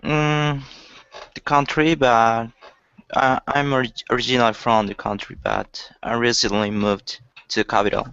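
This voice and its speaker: A man from Peru, a student chatting in an online class, halting and searching for words. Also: mid-range voice, steady tone, fairly bright tone, clean tone, no echo, highs cut off. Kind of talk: casual chat in class.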